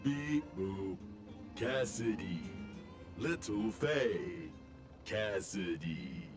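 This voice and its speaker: A man voicing a beeping little robot drone that is homesick and simple, speaking in slow, halting robotic phrases broken by beeps. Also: lowish voice, lively intonation, over music. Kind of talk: video game voice acting.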